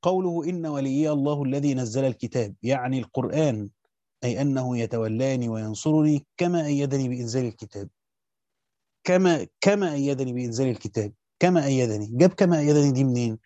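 Egyptian guy reading old commentary super fast, mellow low-key tone, stops to chat about it. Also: no echo, dull audio. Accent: Egyptian Arabic. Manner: reads classical Arabic quickly, then breaks into colloquial comments. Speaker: teacher reading a Quran commentary. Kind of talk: fast reading of a classical text with spoken asides.

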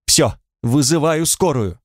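A man reading an audiobook voices a frightened young woman whose cries are shrill and desperate. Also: expressive, takes it slowly, dry recording, clean studio sound. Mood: insistent. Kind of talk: audiobook character voice.

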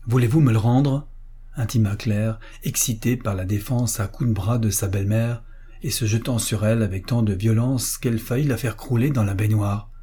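This male narrator's voice sits on the low side, mellow, dark and husky, with fairly even intonation. He reads a classic story aloud in brief, measured phrases.

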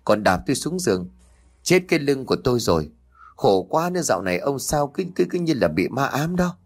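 A man's voice: mid-range voice, very animated, a little fast. A man voicing a complaining, scolding middle-aged wife. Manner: complaining, nagging.

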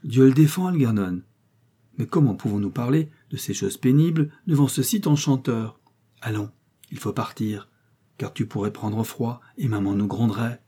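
A man's voice: medium pitch, moderate pace, mellow, husky, natural voice. A man voicing a gushing young woman. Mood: gently reproving. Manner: gushing and exclamatory. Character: young woman, rapturous and tender-hearted.

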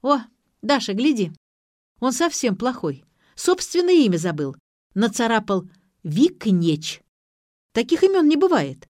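A woman voicing a bossy, quick-tempered young woman who gives emphatic orders, in an audiobook. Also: on the high side, sing-song, a little mellow, no room sound, clean studio sound, voice pushed up. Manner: emphatic, commanding.

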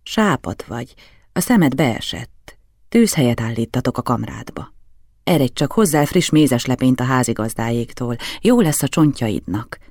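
A man's voice: medium pitch, animated, darkish tone, no echo, studio quality. A man voicing an anxious, kindly older male scholar, agitated and pleading, in an audiobook. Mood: caring. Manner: agitated, self-reproaching, pleading. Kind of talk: audiobook character reading.

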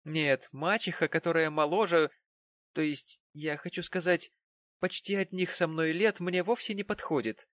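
Man doing a shrill, huffy young lady. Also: steady tone, moderate pace, a bit bright, dry recording, close to an everyday voice. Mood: indignant. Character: affected, indignant young woman of manners.

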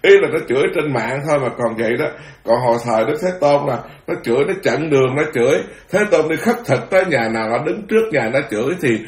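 A man, a Buddhist monk telling stories in a dharma talk, animated and given to laughing asides. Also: mid-range voice, quick pace. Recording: roomy echo.

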